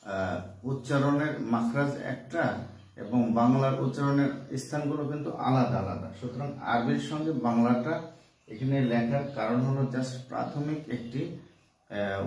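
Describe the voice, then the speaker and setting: A man's voice: mid-range voice, a little mellow. Man teaching letters in an echoey room. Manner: repeats each sound slowly several times. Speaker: Quran reading teacher. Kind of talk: step-by-step teaching of letter pronunciation. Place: home room. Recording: echoey room, distant from the mic.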